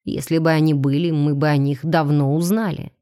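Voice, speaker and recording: A woman's voice: low voice, fairly even intonation, fairly quick, warm tone, voice pushed down, lightly acted. A woman reading an audiobook, voicing a cold, commanding male alien starship captain. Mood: stern.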